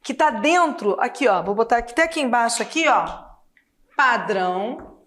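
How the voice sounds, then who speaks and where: A woman with a Brazilian Portuguese accent, a Portuguese teacher giving a lively, chatty exam-prep lesson full of rhetorical questions. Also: fairly high pitch, moderate pace.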